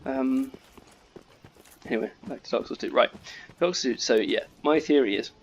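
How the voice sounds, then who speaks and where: A man gives loose, digressive commentary on a game he is playing, cursing casually along the way. His voice sits at an ordinary middle pitch but leaps into high yelps when enemies catch him off guard. A steady hum of background noise runs under the recording. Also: moderate pace, muffled recording. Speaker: gamer commentating his playthrough. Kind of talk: casual rambling gameplay commentary.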